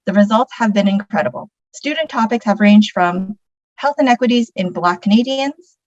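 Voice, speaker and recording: A woman's voice: medium pitch, normal speed, a little mellow, no room sound, muffled recording. A woman reading a scripted presentation as one of its presenters.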